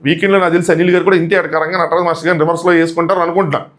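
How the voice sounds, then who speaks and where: A man's voice: a little high, level tone, racing, a bit bright. A man giving a critical, emphatic review of a reality show episode, arguing his points. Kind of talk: fast opinionated episode review.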